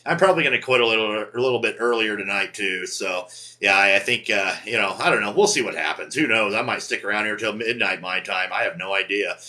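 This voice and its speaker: Bright-voiced friendly ham radio man. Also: fairly low pitch. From Montana. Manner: friendly, drawn-out sign-offs with repeated "Roger, Roger". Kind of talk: casual radio chat. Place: home radio station.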